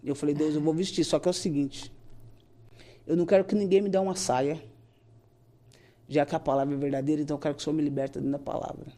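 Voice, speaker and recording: A woman tells an emotional religious testimony. Her voice is mellow and a touch dark. She talks earnestly and acts out her own prayers as she goes. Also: deep voice, steady tone, fast talker, pauses often. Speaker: guest giving a church testimony.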